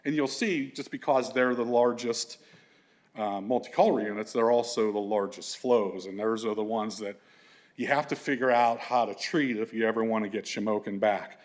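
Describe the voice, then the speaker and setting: Speaking at normal speed with a fairly low pitch, this middle-aged man, an environmental consultant, walks an audience through his slides. His big voice comes across casually, with plenty of filler words and false starts.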